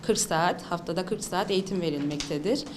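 A woman's voice: lowish voice, a little fast, slight background noise. A woman official giving a formal interview statement in official phrasing. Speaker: municipal centre official.

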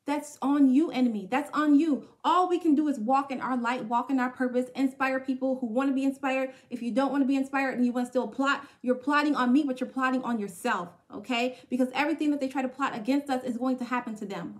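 Emphatic high-voiced woman preaching. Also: fairly quick, few pauses. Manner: emphatic, repetitive, punctuates with "okay?". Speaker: podcast host. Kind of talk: spiritual pep talk.

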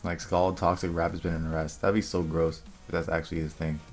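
A young man casually commentating his own online game, thinking aloud and muttering quick asides to himself. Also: sits low, flat delivery. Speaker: gaming video creator. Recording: faint music underneath.

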